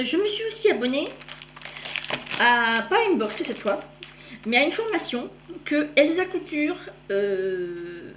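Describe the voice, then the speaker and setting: A woman's voice: a little high, slight background noise. Chatty French-speaking woman, echoey room. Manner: chatty, halting, many fillers and self-corrections. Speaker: crafting vlogger showing her gifts. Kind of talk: casual show-and-tell.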